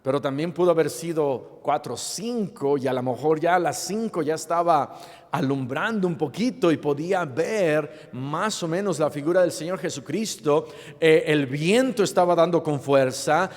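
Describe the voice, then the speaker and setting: A man preaching a sermon as pastor to his congregation, asking them playful rhetorical questions and often pausing with fillers and restarts. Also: high-pitched. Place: church sanctuary. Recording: long reverb of a church hall.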